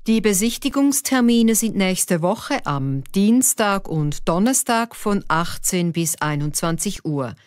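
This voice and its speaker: Slow, careful woman reading lesson dialogue. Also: mid-range voice, lively intonation, darkish tone, no echo, studio quality. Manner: careful, clearly articulated, each line said twice. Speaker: dialogue reader for a language lesson. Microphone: dry studio voice-over.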